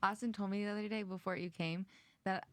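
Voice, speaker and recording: A woman in her twenties hosts a podcast, chatting casually and giggling, her speech full of "like" and "um." Her mid-range voice is brisk and a bit bright, with fairly even intonation, and the recording has no room sound.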